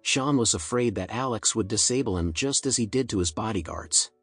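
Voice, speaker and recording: Husky low-voiced male storyteller. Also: animated, a little fast, fairly bright tone, faint music behind. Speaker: narrator. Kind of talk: scripted story narration.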